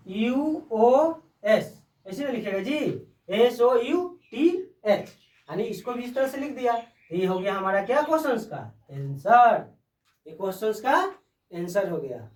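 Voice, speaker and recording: A male teacher giving a classroom lecture. He spells letters out slowly and keeps asking the class questions. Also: extremely high pitch. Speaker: reasoning teacher. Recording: echoey room, voice far from the mic.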